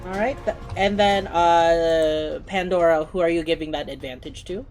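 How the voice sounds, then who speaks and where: A woman's voice: lowish voice, normal speed, a little mellow, faint music behind. A woman casually running a tabletop game as game master, explaining things in an accommodating way.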